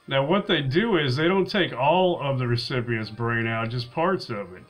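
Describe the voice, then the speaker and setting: A man's voice: medium pitch, fairly bright tone, poor audio. A man recapping a film's plot in a casual, rambling way, often restarting his sentences. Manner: rambling, with frequent restarts and fillers. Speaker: movie reviewer. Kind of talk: casual spoken film recap.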